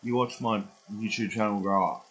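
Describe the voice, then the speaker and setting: A young man in his twenties talks in a meandering, unscripted vlog monologue. His voice is fairly low and husky. He swears freely and often loses the thread of what he is saying. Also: steady tone, normal speed, fairly bright tone, dull audio. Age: 20s. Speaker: vlogger. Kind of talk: rambling casual vlog monologue.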